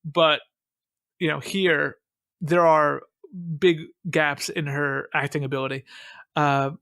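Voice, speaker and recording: Wry high-voiced man hosting a podcast. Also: level tone, slow pace, fairly bright tone, clear, resonant tone, no room sound, studio quality. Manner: wry, sarcastic. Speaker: podcast host. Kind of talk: casual chat and episode recap.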